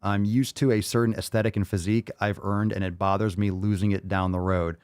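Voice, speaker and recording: Deep-voiced man hosting a fitness Q&A. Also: level tone, brisk, a little mellow, smooth, no room sound, studio quality. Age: 30s. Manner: conversational, thinks aloud with fillers and restarts. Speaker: fitness podcast host answering questions. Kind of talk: livestream Q&A.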